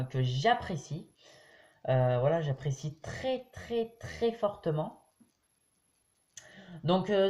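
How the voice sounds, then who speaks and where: A man hosting a casual tutorial over a screen recording, chatty and hesitant, often pausing with fillers and talking straight to his viewers as friends. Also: sits high, a little mellow. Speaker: YouTube tutorial host.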